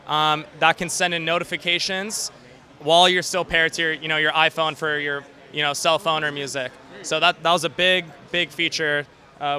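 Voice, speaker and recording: A man giving an informal product pitch in an interview as a company representative, outdoors. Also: pushed and bright.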